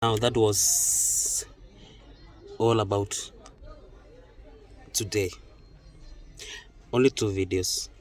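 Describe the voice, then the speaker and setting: A man's voice: on the low side, steady tone, extremely slow, long pauses, far from the mic. A man hosting a reaction video, rambling and correcting himself as he comments. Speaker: host.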